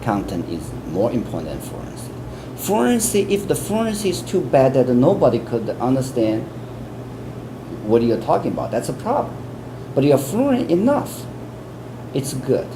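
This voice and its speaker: With an air conditioner humming behind him, a Chinese-accented English test expert gives earnest interview answers at a measured pace. His medium-pitched voice swings hugely in pitch, and he frequently repeats words and starts over.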